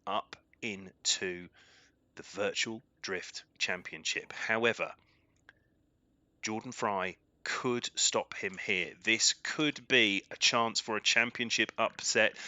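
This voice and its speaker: A man commentating a live sim drift racing event, his voice climbing with excitement during the battles. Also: fairly low pitch, no room sound.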